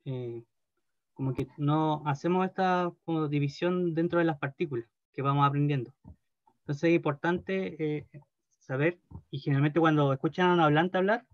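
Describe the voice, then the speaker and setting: A man teaching a language class, speaking slowly and deliberately and often checking in with his students. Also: on the high side, no room sound, lo-fi sound.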